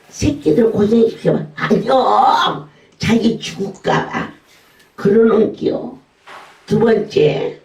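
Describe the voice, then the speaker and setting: A male pastor tells homely stories in a sermon, slipping into other people's voices. He speaks slowly and his pitch rises and falls dramatically. He is miked from a distance in a roomy, echoing space. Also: creaky, warm tone. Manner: folksy storytelling, mimics voices. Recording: echoey room, voice from far off.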